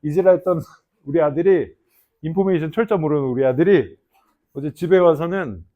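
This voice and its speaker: A man teaching an English grammar class, joking and teasing his students in a slangy way, often switching between loud calls and mumbled asides. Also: fairly high pitch, fairly quick, phone-quality sound. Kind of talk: lively classroom lecture.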